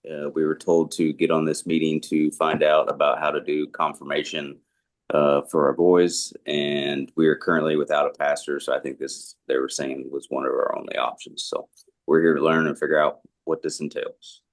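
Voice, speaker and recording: A man, a father of two boys, introducing himself on a video call in a plain, slightly halting way. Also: rumbling low, flat delivery. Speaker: parent joining a call.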